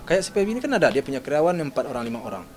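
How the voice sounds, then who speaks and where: A man's voice: mid-range voice, big pitch swings, very fast, darkish tone, faint music behind. A man giving an upset interview statement, retelling phone calls in an agitated way. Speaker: interviewee, father of the victim's husband.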